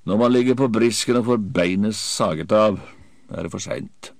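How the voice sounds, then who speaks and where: A man's voice: on the low side, gravelly, darkish tone, no room sound. A man narrating an audiobook in the first person with a vivid, dramatic reading.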